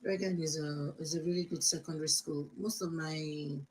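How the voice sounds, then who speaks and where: A woman's voice: deep voice, fairly even intonation, normal speed, darkish tone, low-quality recording. A woman in her fifties from Nigeria with a Nigerian accent, chatting outspokenly on a live stream and answering viewer comments, switching between English and Yoruba. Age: 50s.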